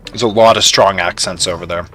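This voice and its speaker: A man's voice: deep voice, steady tone, brisk, a bit bright, soft background music. A young man from Canada streaming a factory game, chatting casually with his viewers and laughing often. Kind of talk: casual live stream chat.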